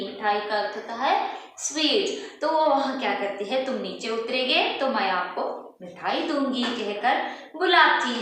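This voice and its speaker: A woman teaches a primary school Hindi class online in a high, bright voice. She talks slowly and patiently, repeating each word and adding English glosses. The sound rings with heavy room echo. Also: recorded from a distance, slight background noise. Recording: very echoey room.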